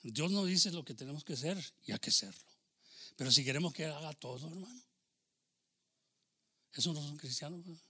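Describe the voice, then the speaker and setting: Bright-voiced fervent preacher. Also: male voice, on the high side, animated, a little fast, long pauses, breathy edge. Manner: preaching with rising fervor, calling out "hermano" and "aleluya"; code-switches into English phrases. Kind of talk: sermon.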